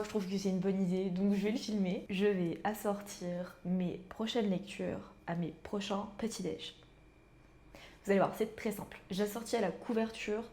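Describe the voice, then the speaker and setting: A young woman with a soft-edged, mellow voice chats to her viewers in a relaxed vlog style. Her pitch sits in the middle for a woman, and her delivery is informal, slangy and enthusiastic. A light layer of background noise sits behind her. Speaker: book and food vlogger. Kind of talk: casual chatty vlog to viewers.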